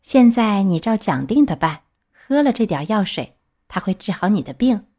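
A soft, motherly fairy, as read by a woman, coaxing and patient, lively storybook tone. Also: medium pitch, moderate pace. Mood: gentle coaxing. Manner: gentle, coaxing.

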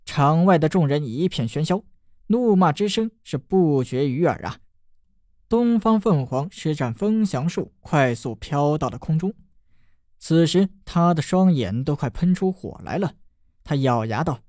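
A man's voice: fairly high pitch, mellow, no room sound, studio quality. A man narrating a fantasy novel as an audiobook, stretching out the particles at the ends of his sentences in a storytelling way. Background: faint background music.

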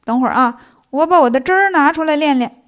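A woman's voice: sits high, natural voice. Storybook monkey king, male, brash and teasing, voiced by a woman storyteller. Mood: cheeky. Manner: brash, teasing, quick to anger. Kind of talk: storytelling for children.

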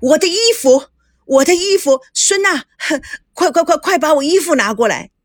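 A woman's voice: a little high, animated, measured pace, dry recording, clean studio sound, pitched above the performer's own voice. A woman voicing a flustered young man who stammers and yelps in a storytelling audio drama. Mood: panicked. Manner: stammering, yelping.

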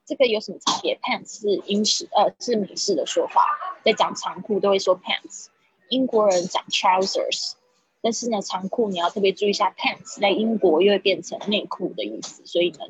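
A woman's voice: mid-range voice, fairly quick, breathy edge, no echo, low-quality recording. A woman teaching an online English vocabulary class, reading each word twice and explaining the sounds patiently.

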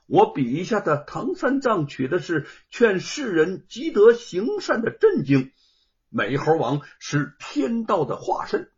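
A man voicing a composed scholar who answers his accusers in a ringing, gently mocking voice. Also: sits high, husky, exaggerated voice. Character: confident male scholar-author defending himself. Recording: dull lo-fi recording.

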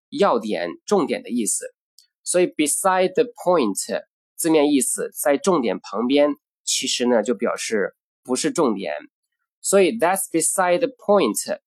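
A man hosting a short English lesson, saying English phrases slowly and explaining them in Mandarin. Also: mid-range voice. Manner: slow, deliberate model phrases, then explains in Mandarin. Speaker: English teacher. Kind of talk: scripted language lesson.

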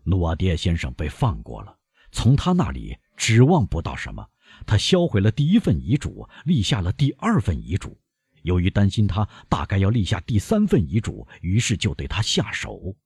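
A man's voice: low-pitched, wildly swooping pitch, darkish tone, husky, no echo, studio quality, heavily acted. A man doing a cold, relentless doctor. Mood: stern. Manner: cold, measured, insistent. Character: stern older male doctor, relentless accuser. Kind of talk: audiobook character reading.

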